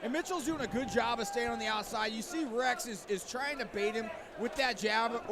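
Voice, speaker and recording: A man's voice: very high voice, normal speed. A man giving analytical color commentary during a live mixed martial arts fight. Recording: loud crowd at live venue.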